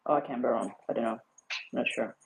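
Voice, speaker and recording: A woman's voice: a bass voice, fast. A woman on a podcast speaking in an unsure, hedging way. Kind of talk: casual chat.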